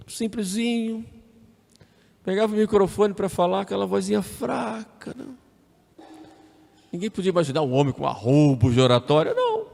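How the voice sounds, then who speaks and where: Delivering a chatty homily, this priest repeats himself and tacks on tag questions as he goes. He has a medium-pitched, darkish voice with vocal fry. The church is echoey, with a long reverb tail.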